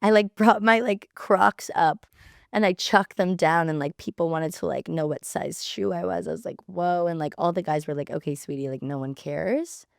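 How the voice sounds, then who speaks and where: A bubbly young woman chats in a casual podcast, her speaking voice sitting a little low for a woman. She tells stories with animation, often jumping into playful put-on voices. The sound is dry and close to the mic. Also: moderate pace, gravelly, dry recording. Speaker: guest, cliff diver.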